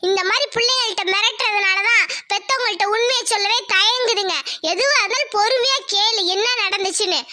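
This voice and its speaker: A woman voicing a squeaky stern village headwoman. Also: fairly quick, few pauses, pushed and bright. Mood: scolding. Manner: commanding, scolding, reassuring. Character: stern but kindly village headwoman, middle-aged woman. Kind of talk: cartoon comedy voice acting.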